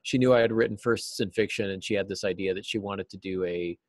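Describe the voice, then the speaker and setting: Speaking fast in a fairly low voice with no echo, a middle-aged man answers interview questions conversationally as a guest writing teacher. He's on a video call from inside a small office.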